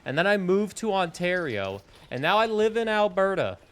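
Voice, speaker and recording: Animated streamer man in his twenties. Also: sits high, moderate pace, slight background noise. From New England, United States. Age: 20s. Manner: animated, chatty, reads and answers chat. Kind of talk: casual live-stream chat.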